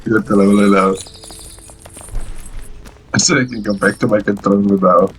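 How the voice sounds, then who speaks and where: A man's voice: fairly low pitch, fairly even intonation, a little slow, soft background music. A man chatting casually while playing a co-op game with a friend, laughing, teasing and calling out moves. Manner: playful, teasing, laughing, shouting out calls. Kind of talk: casual gameplay chat.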